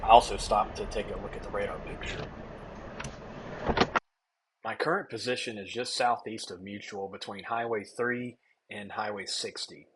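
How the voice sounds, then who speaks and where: A man's voice: on the low side, moderate pace, pauses often, noisy background. A man giving a casual, explanatory voice-over as a storm chaser narrating his own footage.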